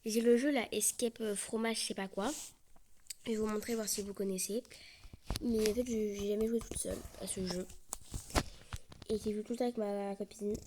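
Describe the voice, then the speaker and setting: A woman's voice: mid-range voice, fairly even intonation, moderate pace, pauses often, warm tone, a little hiss or hum. A young woman giving casual let's-play commentary, chatty and playful, often dropping to a whisper. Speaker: gaming video creator.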